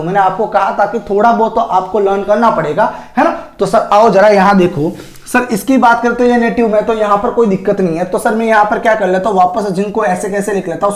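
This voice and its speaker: A man teaching chemistry in Hindi as a lecture, constantly asking questions and answering them himself, with homely analogies and calling his students "sir". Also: sits high. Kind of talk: classroom lecture. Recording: echoey room.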